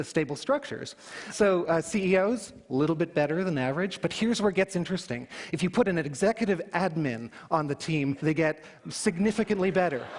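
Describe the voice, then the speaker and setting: A man giving a public talk, telling it in an animated way with emphatic rhetorical questions. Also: on the high side. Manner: animated storytelling, emphatic question-and-answer delivery. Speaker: conference speaker. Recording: hall reverb.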